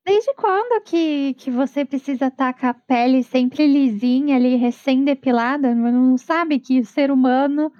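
A woman with a Brazilian Portuguese accent, talking casually on a podcast with expressive, exclamatory reactions. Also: high-pitched, normal speed, few pauses, no echo. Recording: dull dry lo-fi mic.

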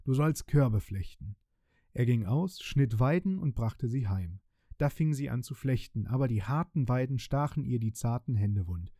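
Calm man reading an old fairytale, dark voice, dry close mic. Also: mid-range voice, moderate pace, no echo. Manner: calm, even storytelling. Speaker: narrator.

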